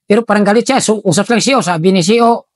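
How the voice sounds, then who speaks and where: A middle-aged man tells war stories in an animated way and acts out the voices of the people he quotes. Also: high voice, quick pace, dry recording. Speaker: retired army officer telling war stories. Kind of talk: storytelling, acting out dialogue.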